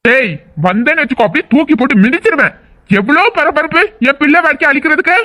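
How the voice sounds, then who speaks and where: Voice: high-pitched, expressive, fast talker, pushed and bright. A voice actor playing a remorseful middle-aged father in a cartoon drama, lamenting and blaming himself. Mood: angry. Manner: lamenting, self-blaming, then angry.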